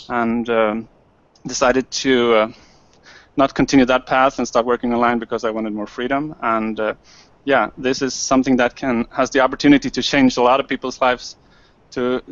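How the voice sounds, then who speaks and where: A man from Sweden introduces himself earnestly, pausing on fillers. The sound is dry and close, and muffled like a web call. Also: mid-range voice, a bit bright, no echo. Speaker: panel guest. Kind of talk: casual self-introduction.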